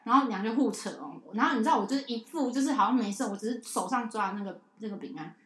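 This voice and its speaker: A woman with a Taiwanese Mandarin accent co-hosts a casual podcast, rattling through a story at a brisk clip. She acts out the people in it with lively voices. Her voice rings in an echoey room. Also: on the high side. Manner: animated storyteller who acts out a child and herself. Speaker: podcast co-host.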